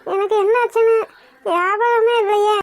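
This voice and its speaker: A woman voicing a young injured girl in a cartoon, halting and weepy with confusion. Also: extremely high pitch, steady tone, no room sound, clean studio sound. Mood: dazed, tearful. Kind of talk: cartoon voice acting.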